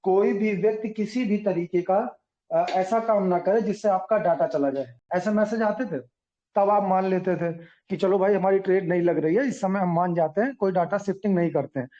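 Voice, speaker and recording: A man's voice: high voice, normal speed, mellow, lo-fi sound. A man leading his team on a group call, talking earnestly and repeating his points with examples. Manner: earnest, repetitive, explains with examples. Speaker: team leader addressing members. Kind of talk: online group call talk.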